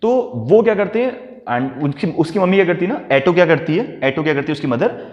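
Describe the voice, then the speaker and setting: A man's voice: a little high, fairly quick, muffled recording. A man teaching a chemistry lesson by telling a story and acting out the characters' lines. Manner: animated storyteller acting out dialogue. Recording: echoey room with long reverb.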